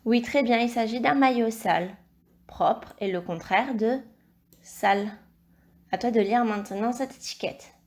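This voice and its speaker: Woman teacher doing a video lesson for little kids, slightly high voice, super slow and careful. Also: a little mellow. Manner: slow, clear, encouraging, speaks directly to the child. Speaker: primary school teacher. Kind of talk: recorded video lesson for young children.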